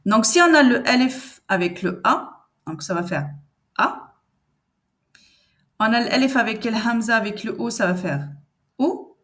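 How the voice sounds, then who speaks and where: A woman teaching reading in a patient, conversational way, repeating sounds and syllables slowly and answering the questions she expects from learners. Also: a little high, animated, a bit bright. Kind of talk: step-by-step reading lesson.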